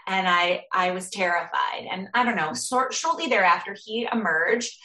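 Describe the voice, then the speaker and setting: A woman telling a personal story as a guest in an interview, earnest and halting, often restarting her sentences. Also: medium pitch, expressive, bright, forceful tone, echoey room.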